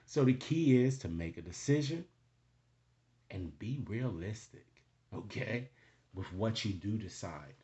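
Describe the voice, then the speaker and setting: A man reads tarot cards for the viewer in an off-the-cuff, casual style, regularly adding short tag questions. His lowish voice is expressive and unhurried with a dark tone, though the audio is dull.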